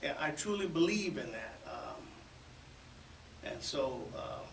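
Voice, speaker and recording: Higher-voiced male veteran, candid and plain. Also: animated, slow, a bit bright. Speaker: retired Iraq veteran panelist. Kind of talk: radio roundtable talk. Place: small radio studio. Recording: roomy, distant camera audio with faint noise.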